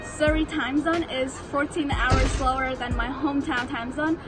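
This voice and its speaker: A woman's voice: sits high, steady tone, unhurried, poor audio. A young woman from Vietnam with a Vietnamese accent, an international student earnestly describing her challenges in careful, non-native phrasing. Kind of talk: scripted personal account. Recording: loud music and crowd chatter behind.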